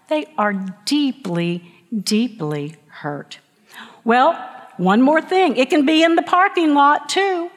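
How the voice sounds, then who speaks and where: Slow, emphatic woman preacher in a reverberant hall. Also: mid-range voice. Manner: slow, emphatic, dramatic pauses. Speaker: pastor. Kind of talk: sermon storytelling. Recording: long reverb of a large hall.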